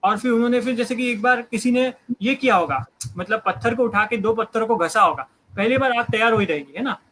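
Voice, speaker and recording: A man's voice: high-pitched, pushed and bright, slight background noise, rough recording. A man explaining human evolution in casual talk, hesitant, with many fillers and restarts. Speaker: guest biologist explaining evolution.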